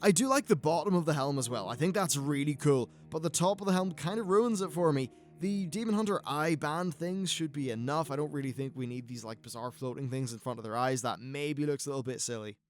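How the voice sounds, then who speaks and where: A man's voice: a little high, brisk, few pauses, faint music behind. A man with a British accent giving casual, conversational and opinionated commentary as a gaming video host.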